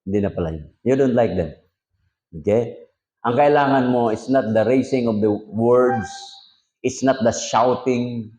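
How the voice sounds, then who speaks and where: A Filipino man in his fifties, a pastor giving a conversational sermon at a prayer meeting, dropping to soft asides and then rising for emphasis. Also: medium pitch, a little slow.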